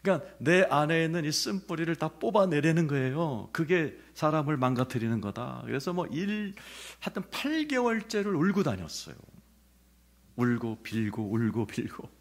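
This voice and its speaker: A middle-aged man preaching a sermon with personal testimony, telling his story with animated, acted-out scenes. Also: a little high, moderate pace. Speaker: pastor.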